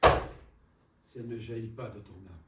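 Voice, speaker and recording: A man's voice: fairly low pitch, fairly even intonation, natural voice. Man playing a tormented scholar on an echoing stage. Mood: disdainful, earnest. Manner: declamatory, halting, impassioned. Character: tormented, proud male scholar, passionate and disdainful. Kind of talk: theatrical stage tragedy acting. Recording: very echoey stage, distant, faint noise.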